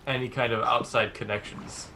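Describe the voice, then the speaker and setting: A man describes his game actions in a casual way as a tabletop player. His voice is bright and crisp-edged at an ordinary male pitch, with slight noise behind. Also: fairly even intonation, moderate pace, rough recording.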